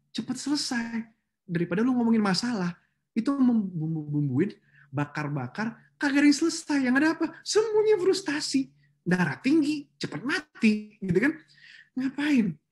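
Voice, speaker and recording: A man preaching a youth sermon in a lively, casual way, mixing English phrases into his talk and speaking straight to the audience. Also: sits high. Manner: acts out little dialogues and speaks straight to the audience.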